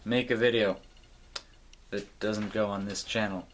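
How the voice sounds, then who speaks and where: A man's voice: fairly low pitch, fairly even intonation, measured pace, slight background noise. A young man from the United States talking casually to camera in a rambling, sarcastic way, swearing freely. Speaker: vlogger. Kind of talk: casual vlog talk to camera.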